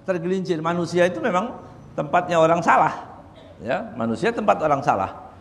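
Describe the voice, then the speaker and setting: A man preaching in a fairly high, very animated voice that rises and falls freely. He keeps the lecture light and humorous, explaining terms and acting out little scenes. His voice rings with the long reverb of a large hall. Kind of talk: religious lecture on good character.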